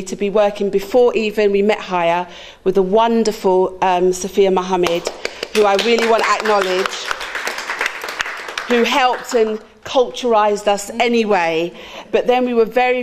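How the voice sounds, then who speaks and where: A woman speaks at a community evening in her role as a school learning mentor. She pours out thanks in an effusive, heartfelt way. Her pitch is medium, and there is faint noise underneath. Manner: effusive, grateful. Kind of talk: speech at a community meeting.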